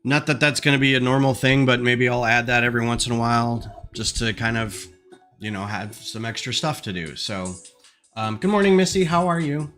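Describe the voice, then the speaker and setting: A LEGO designer streams from his home desk, speaking into a desk microphone with a stuffed-up nose. His mid-range voice is a bit bright and moves at a moderate pace as he chats casually and thinks aloud with lots of ums, with faint music behind him.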